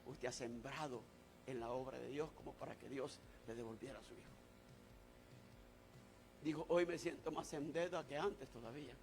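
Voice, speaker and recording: A male pastor preaching a sermon, who moves from shouted declarations to quiet, confiding talk. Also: medium pitch, moderate pace, creaky, pauses often, slight background noise.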